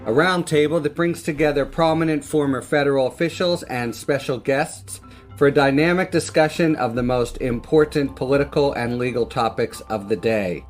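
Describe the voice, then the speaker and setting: A man with a mid-range voice hosts a political roundtable podcast. His phrasing is measured and formal. Faint music sits under his words. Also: mid-range voice. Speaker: podcast host. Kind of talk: scripted introduction, then interview questions.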